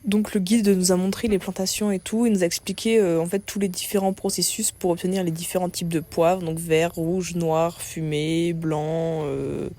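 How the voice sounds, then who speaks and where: A woman's voice: on the low side, steady tone, moderate pace, hardly any pauses, mellow. A young woman from France talking to her phone in a casual travel vlog, chatty and self-mocking, with lots of fillers. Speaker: travel vlogger. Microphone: phone held by hand.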